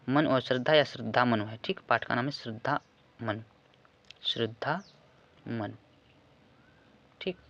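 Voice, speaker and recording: A male teacher walking students through an exam paper, reading verse lines slowly and repeating key words as he explains. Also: mid-range voice, fairly bright tone, muffled recording. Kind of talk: exam paper walkthrough lesson.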